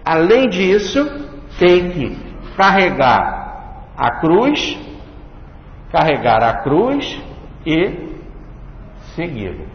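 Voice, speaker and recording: Male lecturer, religious study talk, unhurried, melodic delivery, echoey hall recording. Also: fairly high pitch, huge pitch swings. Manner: explanatory, repeats and enumerates points slowly. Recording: echoey hall, dull lo-fi, faint hiss.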